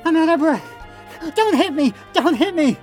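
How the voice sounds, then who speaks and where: A man's voice: very high-pitched, animated, measured pace, soft background music, pitched above the performer's own voice. A man putting on a jittery, nerdy middle-aged man who squeals in panic and runs out of breath. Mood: panicked.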